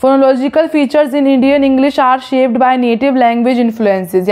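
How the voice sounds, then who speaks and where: A woman teaching a lecture, stopping often to correct herself, and reading English examples out slowly. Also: on the high side, a little mellow. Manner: explains in Hindi and reads English examples slowly; frequent hesitations and self-corrections. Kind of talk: explanatory lecture.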